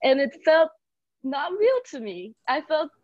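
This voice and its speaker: A woman's voice: high-pitched, very animated, unhurried, no room sound, muffled recording. A young woman who grew up in Brazil, a singer-songwriter guest chatting casually on a podcast and laughing often. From Bulgaria, raised in Brazil.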